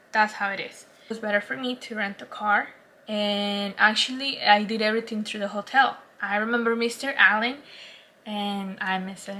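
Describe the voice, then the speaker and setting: A Colombian woman whose first language is Spanish chats casually in a rambling vlog, speaking with a Colombian Spanish accent. Her voice is fairly high and sharp-toned, and she laughs and restarts often.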